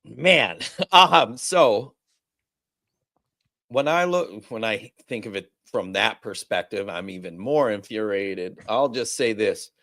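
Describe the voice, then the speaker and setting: A man hosting a sports podcast, talking in an animated, rambling way and swearing freely. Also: lowish voice, slow pace, dry recording, studio quality. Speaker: podcast host. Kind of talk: casual sports chat.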